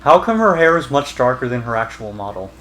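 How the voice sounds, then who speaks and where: A man chatting on a game stream with a jokey, playfully argumentative manner. His voice sits at a middle pitch but swings widely as he talks. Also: sing-song, brisk, pushed and bright, faint music behind. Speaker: video game stream co-host. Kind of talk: casual gaming stream banter.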